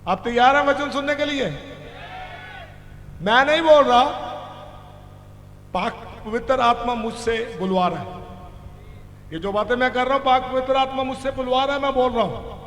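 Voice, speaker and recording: High-pitched preacher shouting in a hall. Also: male voice, moderate pace, pauses often. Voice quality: mixes Hindi with English phrases. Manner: shouting fervently, calls out to the crowd. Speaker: pastor. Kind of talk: healing-service sermon. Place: large hall at a church meeting. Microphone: handheld stage mic. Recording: echoey hall with rumble.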